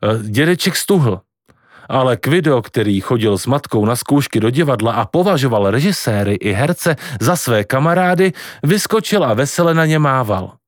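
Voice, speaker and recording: A man narrating a novel in a measured, scripted audiobook style. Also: medium pitch, expressive, no room sound, studio quality.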